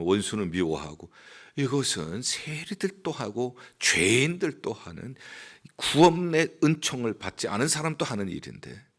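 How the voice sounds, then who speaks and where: A male pastor preaching a sermon, telling a story with lively rises and drops in his voice. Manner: animated storytelling with dramatic rises in pitch and volume.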